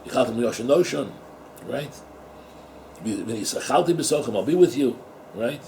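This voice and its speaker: A man's voice: mid-range voice, expressive, normal speed, gravelly, darkish tone, a little hiss or hum, low-quality recording. A middle-aged man, a rabbi giving an informal Torah talk to yeshiva students, repeating words and asking his listeners rhetorical questions. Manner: mixes Hebrew and Yiddish terms into English.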